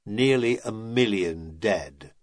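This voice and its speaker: A man's voice: fairly low pitch, takes it slowly, no room sound. A man voicing a tired, blunt male security agent in an audiobook. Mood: weary. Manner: weary, blunt.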